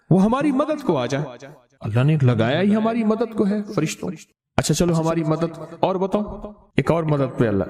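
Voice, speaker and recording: Male preacher, higher voice with lively swings, storytelling sermon with a crowd behind. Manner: dramatic storyteller, acts out voices in quotes.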